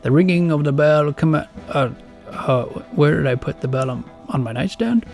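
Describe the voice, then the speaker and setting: A man's voice: on the high side, normal speed, gravelly, darkish tone, faint music behind. A man voicing a stern old woman guardian in a storybook reading, speaking in warnings.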